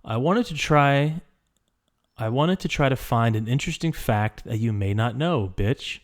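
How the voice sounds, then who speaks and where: A man's voice: mid-range voice, animated, unhurried, close to an everyday voice. A man reading out a listener's letter in a put-on voice as a cocky, foul-mouthed letter writer, with crude, emphatic swearing. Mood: brash.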